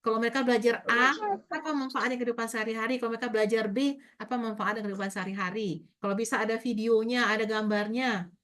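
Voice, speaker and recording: A middle-aged woman giving a classroom lecture to university students, talking to them directly and acting out little dialogues with children. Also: fast talker. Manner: lively, acts out child and teacher dialogue in a higher voice.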